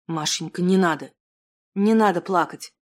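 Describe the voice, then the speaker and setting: A woman's voice: on the low side, normal speed, lightly acted. A woman voicing a self-deprecating thirty-year-old man, a failed artist who talks himself down. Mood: soothing. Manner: self-deprecating, fumbling, then heated.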